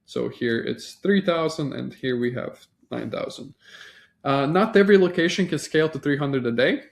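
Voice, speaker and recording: A man from Latvia with a slight Latvian accent, giving a casual sales pitch as an agency founder, talking loosely with fillers and restarts. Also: normal speed, gravelly. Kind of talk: sales pitch walking through slides.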